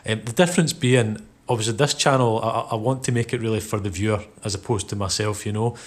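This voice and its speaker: Playing through a game on his own channel, this thirtysomething man from Scotland chats loosely and with ease. He speaks fast in a lowish voice, wandering from point to point and dropping plenty of "um" and "you know" fillers.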